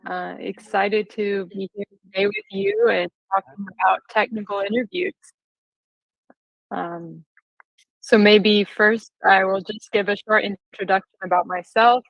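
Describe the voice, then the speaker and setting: Speaking with vocal fry and a fairly even, mid-range delivery that runs a little slow, a twentysomething American woman presents conversationally to an audience. She is a guest speaker and software engineer from California, and the lo-fi recording sounds dull and slightly roomy.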